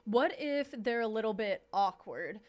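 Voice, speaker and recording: A young woman co-hosts a casual podcast chat with a voice that sits a little high. She is blunt and swears freely, and she tells her stories in an animated way. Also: a little slow. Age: 20s. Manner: blunt, profane, animated storytelling. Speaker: podcast co-host.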